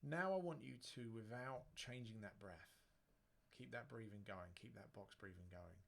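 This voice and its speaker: Man, casual relaxation instructor, conversational, lowish pitch, noticeable vocal fry. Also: normal speed. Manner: informal, conversational, with joking asides. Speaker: breathing exercise instructor. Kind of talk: casual guided relaxation lesson. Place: indoor room near a busy road. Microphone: microphone within arm's reach, facing a screen.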